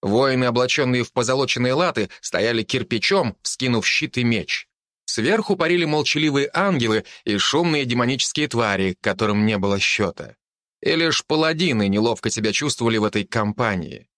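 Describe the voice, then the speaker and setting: A man reads a fantasy novel aloud in a steady storytelling voice at a middling pitch. The recording is dry and close, with no room echo. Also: fairly quick. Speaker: narrator. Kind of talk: audiobook narration.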